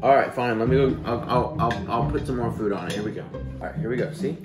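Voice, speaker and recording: A man's voice: mid-range voice, quick pace. A young man chatting playfully to his pet in a coaxing, mock-serious way, recorded in a home kitchen from across the counter. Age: young adult. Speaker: pet owner making a dog video. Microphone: camera across the counter. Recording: roomy kitchen sound with music behind.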